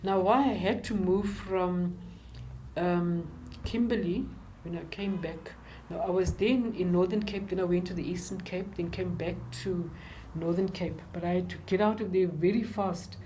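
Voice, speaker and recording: Older woman, South African accent, mellow and slightly low voice, reflective halting interviewee, faint background noise. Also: steady tone, rough recording. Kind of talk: recounting life and work in an interview.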